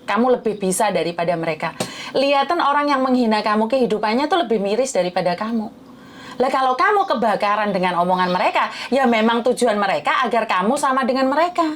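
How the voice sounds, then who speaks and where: A woman host giving motivational advice in a coaxing, rough-spoken way. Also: fairly high pitch, expressive, quick pace, slight background noise. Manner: coaxing, calls listener "sayang", rough-spoken.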